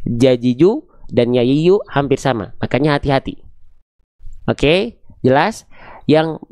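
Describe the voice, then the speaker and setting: A man leads a Quran reading lesson at a steady middle pitch. He keeps asking questions and answering them himself in a coaxing, playful manner. The sound is dry and close. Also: a little slow, no room sound. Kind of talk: lively tajwid lesson.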